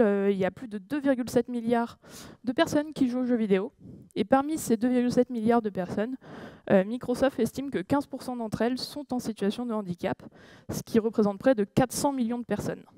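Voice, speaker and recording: A woman with a fairly high, warm voice gives a conference talk in a conference room, recorded dry. She's hesitant, with many fillers and self-corrections, and keeps checking in with her audience by asking them questions.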